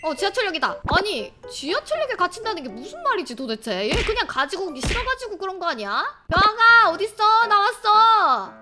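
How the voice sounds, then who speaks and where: A woman bantering excitably through gameplay with some playful skit acting, in an exclamatory way. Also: very high-pitched, quick pace, few pauses. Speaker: gaming video creator. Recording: loud music under the voice. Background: background music.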